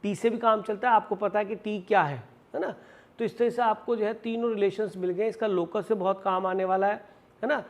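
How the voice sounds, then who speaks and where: High-voiced Indian maths teacher. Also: male voice, fairly even intonation, fairly quick. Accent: Indian English. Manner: explains step by step, asks and answers his own questions; addresses students affectionately as "beta". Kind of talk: classroom lecture.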